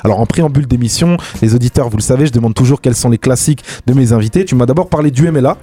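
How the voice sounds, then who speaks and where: A young man hosting a radio show, chatting casually about rap in quick, slangy speech with lots of restarts. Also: medium pitch, warm tone, husky. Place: radio studio.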